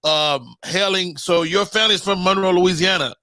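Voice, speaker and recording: Joking excitable male host, bright voice. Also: high-pitched, normal speed, no echo, studio quality. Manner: excitable, joking, often stumbling over words. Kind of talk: casual interview.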